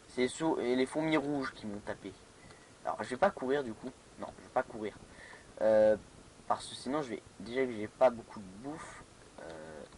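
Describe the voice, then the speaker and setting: A man's voice: fairly low pitch, noisy background. A man giving casual let's play commentary on a modded game, hesitant, with many fillers and restarts. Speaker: gamer playing a modded block-building game.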